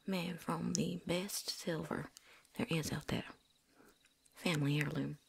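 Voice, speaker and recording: A woman's voice: sits low, fairly even intonation, a little slow, gravelly, slight background noise, heavily acted. A woman voicing a chatty, folksy veteran vampire hunter with a put-on drawl and casual slang, talking around something in her mouth, in a whispered role-play. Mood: chatty, wry.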